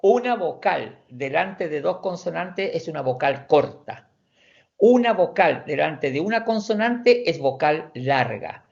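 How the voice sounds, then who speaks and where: A man teaching a language class over an online call, his voice a little high. He explains slowly, restarting and repeating words as he goes. The audio is muffled and dull, like a video call. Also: animated, gravelly, a little mellow. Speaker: Swedish teacher.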